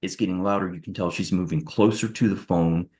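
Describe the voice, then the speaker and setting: A man's voice: sits low, fairly even intonation, a little fast, a little mellow. A man giving courtroom testimony as a witness, walking through events in a careful, methodical, step-by-step way. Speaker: witness on the stand.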